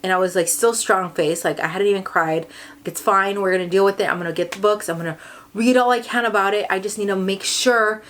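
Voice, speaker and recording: A woman's voice: mid-range voice, fairly even intonation, a little fast, fairly bright tone. A young woman with a Californian accent telling a personal story to the camera, emotional and rambling, with many fillers and restarts. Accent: Californian English. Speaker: vlogger.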